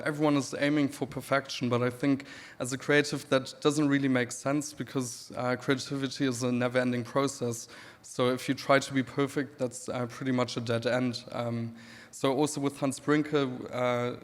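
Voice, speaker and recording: Speaking in a medium register, this thirty-something man from Namibia carries a German accent as he talks about his own creative work. He keeps the conference presentation laid-back, pausing often and slipping in dry jokes, while the event hall echoes around him.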